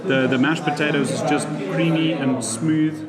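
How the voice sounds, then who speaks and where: A man's voice: on the high side, normal speed, over a noisy crowd. A man co-hosting a travel vlog, talking casually and enthusiastically to camera.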